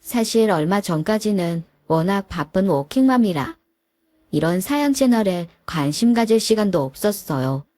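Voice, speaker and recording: A woman in her forties tells her story in a calm, confiding first-person narration. Her voice is mellow and warm-toned at a middle pitch, and the recording is dry and close. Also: moderate pace, no room sound. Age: 40s.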